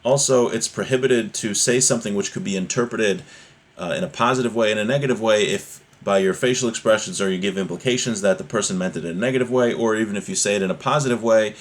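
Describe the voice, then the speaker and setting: A religious teacher gives an informal class, reading from a source text and unpacking it conversationally with everyday examples. His voice sits on the low side and he speaks fast.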